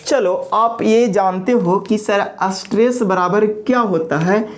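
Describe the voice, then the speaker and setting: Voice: medium pitch, slow pace. An engineering lecturer who asks questions, answers them, and repeats key terms while checking in with the listener. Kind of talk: classroom lecture.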